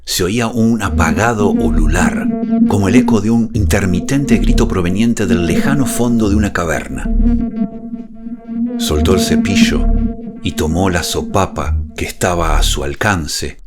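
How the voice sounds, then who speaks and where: A man narrating a scripted suspense horror story in a measured, dramatic way, speaking intimately close to the ear. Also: deep voice. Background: music behind the voice.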